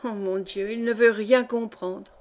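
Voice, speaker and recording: A woman voicing a frail, fretful dying noblewoman in an audiobook, soft and plaintive. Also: mid-range voice, steady tone, measured pace, close to an everyday voice. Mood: querulous. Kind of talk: audiobook character reading.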